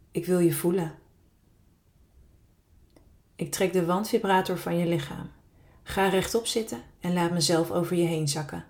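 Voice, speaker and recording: A woman reading her own erotic story aloud in the first person, in a slow, sultry, intimate way. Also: fairly low pitch, darkish tone.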